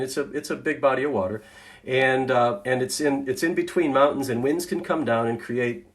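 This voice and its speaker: A middle-aged consultant gives an informal, faith-based talk on leadership, speeding up at times, then slowing for deliberate emphasis. His voice is mid-range.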